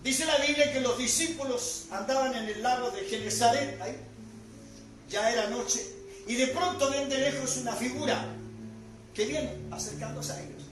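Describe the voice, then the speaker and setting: An older male pastor preaches with a strikingly high voice, rising to loud bursts and sinking to near-murmurs. He sounds distant from the mic in a heavily echoing church hall, with music playing underneath. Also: moderate pace. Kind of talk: sermon. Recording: echoey hall from far off with music.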